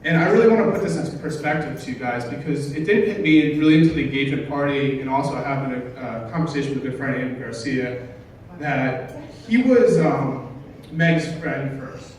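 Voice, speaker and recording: A man giving an informal, humorous best man speech at a wedding, joking along in a halting way and often correcting himself. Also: medium pitch. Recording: distant, very echoey, noisy room recording.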